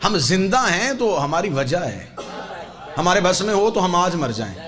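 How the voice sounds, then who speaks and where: In a very noisy recording from a gathering hall, a Shia cleric preaches an Urdu majlis sermon in a sing-song voice while the live congregation can be heard in the background. His storytelling shifts from quiet, low narration to loud, impassioned outbursts.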